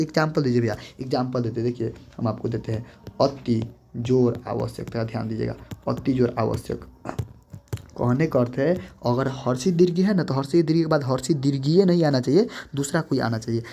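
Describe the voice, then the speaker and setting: This grammar teacher has a mellow, fairly high-pitched male voice. Working through the lesson on the board, he repeats each step, coaxes the listener, and quizzes them as he goes.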